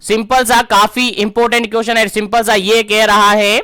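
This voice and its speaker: A man's voice: high-pitched, level tone, normal speed, sharp tone, clear, resonant tone, dry recording, clean studio sound. A young man teaching an online nursing exam-prep class, emphatic, repeating key answers back as quiz questions.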